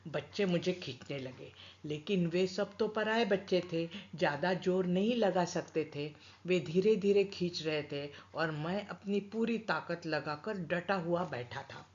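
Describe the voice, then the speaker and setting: A woman reads a story aloud in a calm, measured way. Her voice sits a little low and she takes her time. The recording sounds slightly dull and lo-fi. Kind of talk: scripted story narration.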